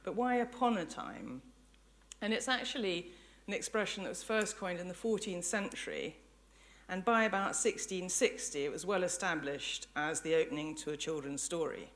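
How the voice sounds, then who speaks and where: Before an audience in a lecture hall, a woman from England with an English accent gives a public academic lecture as a professor. Her voice is lowish yet expressive and fairly bright, moving at a moderate pace. She reasons aloud reflectively, at times hesitating and correcting herself.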